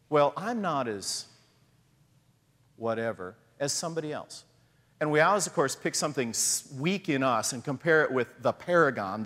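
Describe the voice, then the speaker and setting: A middle-aged man preaching a sermon in a lively, conversational way, acting out the voices he quotes. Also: fairly high pitch. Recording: long hall reverb.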